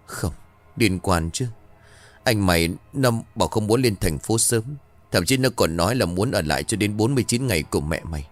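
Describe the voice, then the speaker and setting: A man voicing a grieving elderly village father who turns weary and blames himself, his voice low and mellow over faint music. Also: expressive, normal speed, dry recording, close to an everyday voice. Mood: guilt-ridden. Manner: anguished, then weary and self-blaming.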